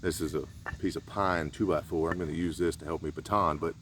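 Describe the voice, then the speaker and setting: A man demonstrating survival skills outdoors in a relaxed, rambling, folksy way. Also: a bass voice, fairly quick, very noisy. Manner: laid-back, rambling, folksy. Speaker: survival vlogger. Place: outdoors in a rural area.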